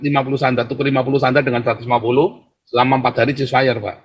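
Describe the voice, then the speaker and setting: A man's voice: mid-range voice, racing, breathy edge. A man delivering a heated monologue to his listeners, ranting, often calling them brothers and acting out the voices he quotes. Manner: ranting, keeps addressing listeners as "saudara"; acts out quoted voices in lively bursts. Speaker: commentator. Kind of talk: heated monologue to an online audience.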